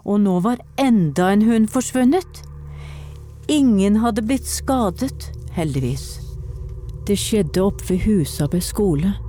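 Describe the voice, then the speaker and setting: A woman reading a children's storybook aloud in a clear, steady way. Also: medium pitch. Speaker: narrator.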